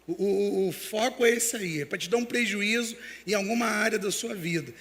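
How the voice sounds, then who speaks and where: High-voiced preacher in a reverberant church. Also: male voice, moderate pace, fairly bright tone. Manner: storytelling with acted quotes and many restarts. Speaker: pastor. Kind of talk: sermon.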